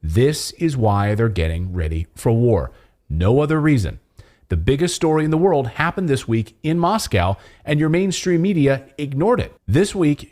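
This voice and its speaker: A man's voice: medium pitch, darkish tone. A man hosting opinionated political commentary, speaking in a conspiratorial, distrustful way with sarcastic, mocking asides. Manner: conspiratorial, alarmed distrust of officials and media. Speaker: host of a political commentary show. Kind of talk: opinionated news commentary to camera.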